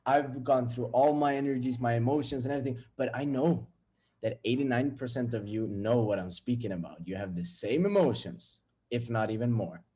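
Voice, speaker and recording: A man's voice: mid-range voice, moderate pace, mellow. A young man, talking casually and bluntly to viewers, swearing freely as he tells a story. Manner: candid, blunt and profane. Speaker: vlogger.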